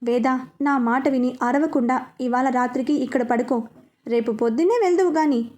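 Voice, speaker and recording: A woman reading the part of a calm, gently teasing young doctor who speaks softly and firmly. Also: high-pitched, moderate pace, lightly acted. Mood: coaxing.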